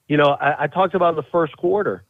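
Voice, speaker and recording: A man with a fairly high, brisk voice offers casual, emphatic sports analysis as a play-by-play announcer guesting on a podcast, repeating phrases for stress. The recording is dry and thin, like a narrow phone line.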